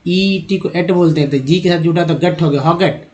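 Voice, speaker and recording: Man from India, English phonics teacher, slightly high voice, asks questions, explains step by step. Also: normal speed, darkish tone, dull audio. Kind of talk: spoken phonics lesson.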